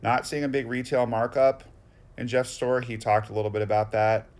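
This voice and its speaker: A man's voice: mid-range voice, flat delivery, normal speed, a little mellow. A man with a Boston accent narrating a vlog tour in voice-over, gushing and exclamatory as he rattles off one item after another. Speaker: vlogger touring a card shop.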